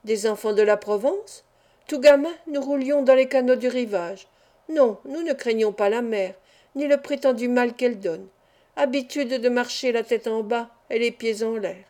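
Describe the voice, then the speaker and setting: Woman reader as jolly young male acrobat, chatty patter, warm tone. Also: a little high, normal speed, close to an everyday voice. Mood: joyous.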